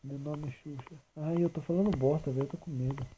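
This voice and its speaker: A man's voice: a little high, steady tone, quick pace, warm tone, slight background noise, rough recording. A teenage boy with a Brazilian accent commentating a horror game, nervous and joking, yelping at scares and talking back to the monsters. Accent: Brazilian Portuguese. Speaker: gaming channel host. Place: at home.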